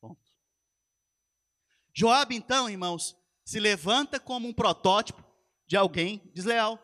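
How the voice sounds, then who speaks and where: A man's voice: high voice, pushed and bright. A man, a pastor preaching a sermon in a church, retelling a story with animation and speaking straight to the congregation.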